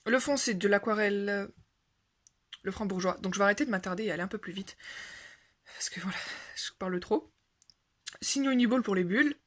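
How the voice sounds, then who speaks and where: A woman's voice: mid-range voice, brisk, long pauses, fairly bright tone. A young woman chatting casually about her finished coloring pages, rambling and correcting herself with lots of fillers. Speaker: coloring video creator. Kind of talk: casual show-and-tell chat.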